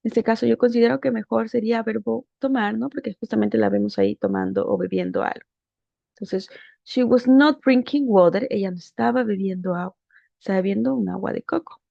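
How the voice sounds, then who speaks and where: Patient woman teacher, gravelly voice. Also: mid-range voice, warm tone, dry recording, lo-fi sound. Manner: patient, asks many rhetorical check questions. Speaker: English teacher. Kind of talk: explaining a grammar worksheet.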